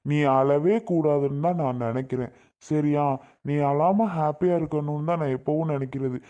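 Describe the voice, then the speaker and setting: A man's voice: fairly high pitch, moderate pace, dark tone. A man acting in an amateur family drama, blunt and scolding yet reassuring.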